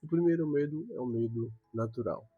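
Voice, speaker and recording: A man's voice: medium pitch, a little fast, husky, no echo, phone-quality sound, soft background music. A young man giving an earnest devotional talk, repeating words for emphasis.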